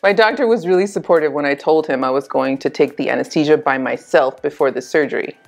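Lowish-voiced woman telling dad jokes. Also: fast, gravelly, faint music behind. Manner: telling dad jokes, setup then punchline. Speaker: anesthesiologist. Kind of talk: casual joke-telling chat. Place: small indoor room, seated at table.

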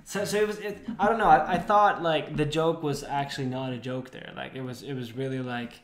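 A man's voice: mid-range voice, brisk. A young man from Sweden, casually chatting at a table as a podcast co-host, often repeating words as he gets going. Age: young adult. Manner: animated, repeats words when starting sentences. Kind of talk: casual chat. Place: living room at a table. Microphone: desk mic. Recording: roomy echo.

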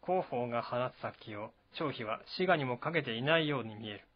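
A man's voice: mid-range voice, fairly quick. Man reading a novel aloud, lo-fi. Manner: steady, even reading with occasional slips and restarts. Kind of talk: first-sight reading of a historical novel.

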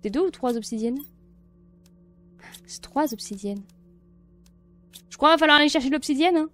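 A high-pitched woman talks through her game in a loose, chatty way, thinking aloud as she goes. She addresses the viewers and the game itself, with faint music underneath. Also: expressive, moderate pace, a bit bright. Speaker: let's play streamer. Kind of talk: casual gameplay commentary.

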